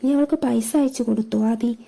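Lady voicing a proud bitter young woman, curt and scornful, dark low tone. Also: steady tone, moderate pace, gravelly. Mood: furious. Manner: curt, scornful, flares into shouting.

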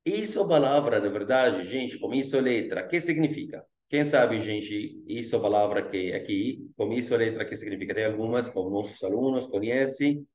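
A male Arabic teacher with an Arabic accent, giving an online language lesson in simple, slow explanations full of fillers. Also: lowish voice, a little mellow, reverberant, highs cut off. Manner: explains slowly with many fillers like "gente" and "tá".

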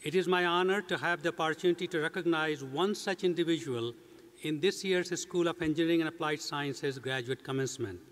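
An older man delivers a measured, scripted speech from a podium mic on a large stage. His voice sits slightly high. The long reverb of a big hall trails behind every phrase. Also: a bit bright. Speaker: university president. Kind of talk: formal ceremony speech. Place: large indoor commencement stage.

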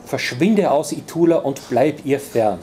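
A man's voice: medium pitch, animated, measured pace, mellow, slight background noise, close to an everyday voice. A man reading aloud voices a middle-aged dragon-hunter father, tense and urgent.

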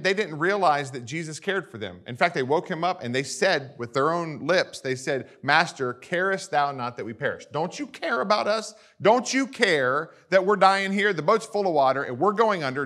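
Man, pastor, sermon, fairly high voice, animated, seeks the congregation's agreement.

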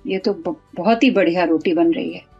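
A woman's voice: lowish voice, normal speed, creaky, husky, highs cut off. A woman hosting a cooking show, introducing the episode and commenting in a polished, inviting tone. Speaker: show host and narrator. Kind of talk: presenter voice-over. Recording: light background music.

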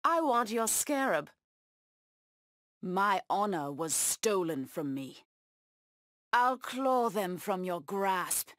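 A woman voicing a savage, proud cheetah-woman huntress in a video game, taunting her prey with deliberate menace. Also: medium pitch, big pitch swings, a bit bright, no room sound, studio quality.

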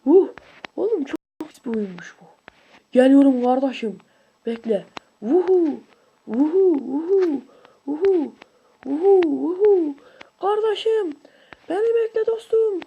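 An excitable video creator with a high voice delivers casual, slangy gameplay commentary full of shouts and whoops. The pace is measured with frequent pauses, and the recording sounds muffled.

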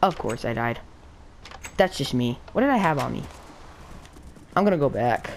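A woman playing a game with a friend, talking excitedly and nervously through every move in casual chat. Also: extremely low pitch, normal speed, creaky, slight background noise. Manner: frantic, excitable, talks through each move aloud. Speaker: gaming channel co-host. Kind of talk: casual let's play chat.

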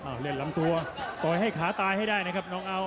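A man giving live, excited boxing commentary, urgently repeating short calls. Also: sits high, quick pace. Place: boxing venue with packed crowd. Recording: loud crowd and noisy arena behind. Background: very loud crowd, noise.

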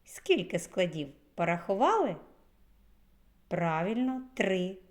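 A woman preschool teacher giving a lesson to small children, saying words slowly with clear stress. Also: medium pitch, big pitch swings.

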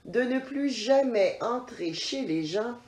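Expressive woman reading a children's tale. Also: on the high side, slow pace. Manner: expressive, lilting. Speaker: storyteller. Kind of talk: children's story narration. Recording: roomy echo.

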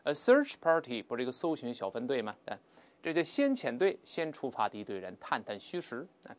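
A man teaching an English vocabulary lesson, explaining patiently and drawing out example words slowly for students to repeat. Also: medium pitch. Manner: lively, drawls English words slowly for repetition; explains patiently with filler particles.

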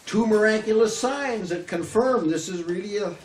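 A man's voice: high voice, normal speed, a little mellow. An older man with a Southern US accent preaching an earnest, emphatic sermon at a lectern, often restarting his phrases. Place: small room before a curtain backdrop, at a lectern. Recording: echoey room, slightly distant mic, faint hiss.

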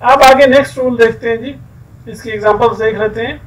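A man teaching an English grammar lesson, explaining rules with many fillers and reading example sentences slowly. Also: extremely high pitch, fairly even intonation, far from the mic, poor audio.

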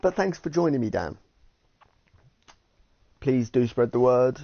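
A man's voice: medium pitch, expressive, unhurried, dry recording. A man from the UK giving rambling, giggly casual commentary while streaming a game. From United Kingdom. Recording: dull lo-fi streaming audio.

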